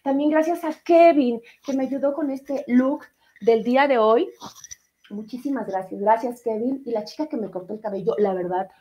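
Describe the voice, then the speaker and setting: A middle-aged woman with a Mexican Spanish accent hosting a live radio stream, chatting warmly and greeting viewers by name as she reads their comments. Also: fairly high pitch, moderate pace. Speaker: radio show host. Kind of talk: casual live-stream chat reading comments.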